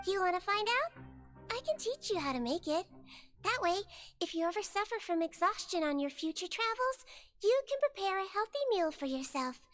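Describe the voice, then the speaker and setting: A woman voicing a small, gentle, matter-of-fact female nurse creature with a childlike voice in a video game. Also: very high voice, big pitch swings, normal speed, faint music behind, exaggerated voice. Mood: earnest. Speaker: doctor.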